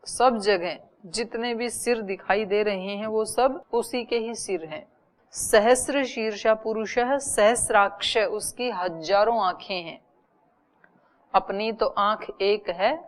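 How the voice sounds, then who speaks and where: Woman teaching an Upanishad. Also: mid-range voice. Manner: explains slowly with examples and rhetorical questions. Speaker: spiritual teacher. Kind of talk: Upanishad discourse.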